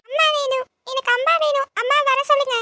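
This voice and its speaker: A woman's voice: extremely high pitch, steady tone, fairly quick, very noisy, voice pushed up. A tearful little girl. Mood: tearful pleading. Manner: tearful pleading. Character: small girl crying for her mother.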